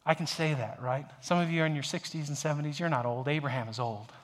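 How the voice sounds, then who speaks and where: A man in his forties from the United States preaching a conversational sermon, moving from emphatic peaks to soft, hushed storytelling. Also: fairly high pitch, fast. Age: 40s. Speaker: pastor.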